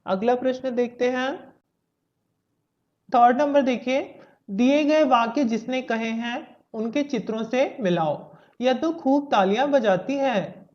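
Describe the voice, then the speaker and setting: A woman's voice: a little high, darkish tone. A woman teacher patiently walking young children through a Hindi textbook exercise step by step, mixing in English words. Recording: slightly dull lo-fi audio.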